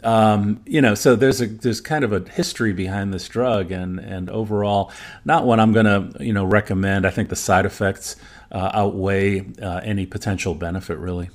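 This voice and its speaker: He's a native German speaker with a fairly low voice, steady in tone, acting as a medical expert on a podcast. In loose conversation he goes over what studies found, keeping things measured and tempering his statements as he talks.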